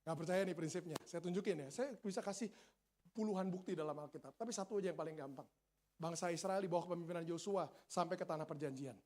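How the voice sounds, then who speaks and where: Animated male pastor with slang. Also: sits high, fast. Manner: animated, humorous, colloquial, swings from loud peaks to quiet asides. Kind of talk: sermon. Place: church service.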